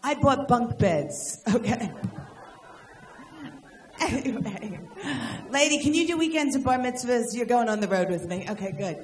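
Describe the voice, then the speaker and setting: An older woman works the room in a stand-up set, brash and quick with her jokes as she teases the crowd. Her voice carries through a roomy, echoing space, with a faint hum in the background. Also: a little high, animated. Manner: brash, rapid-fire jokes and crowd work. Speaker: stand-up comedian. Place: live venue with audience.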